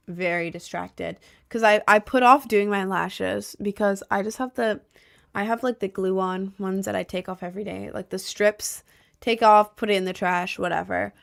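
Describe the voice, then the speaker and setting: A young woman streaming from her desk at home, talking loosely and chattily to her viewers. She wanders from point to point, filling gaps with um and like, at an ordinary pitch for a woman. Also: creaky. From United States. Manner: rambling, chatty, fillers like um and like. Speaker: livestreamer. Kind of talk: casual stream chat.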